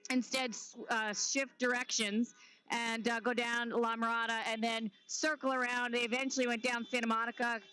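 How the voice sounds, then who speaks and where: A woman's voice: a little high, level tone, bright, forceful tone, clear, resonant tone, poor audio. A woman reporting live from a street march, talking casually with fillers and a little out of breath. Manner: conversational, halting with fillers. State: slightly out of breath. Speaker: field reporter. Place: outdoors on a city street during a march.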